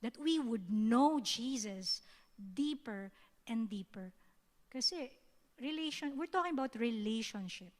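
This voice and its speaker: A woman's voice: a little high, animated, slow pace, a little mellow, in a large hall. A Filipino woman giving a youth sermon in casual mixed speech, often checking in with her listeners. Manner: conversational, keeps asking "diba?". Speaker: youth service speaker. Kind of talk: Taglish sermon teaching. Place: church hall.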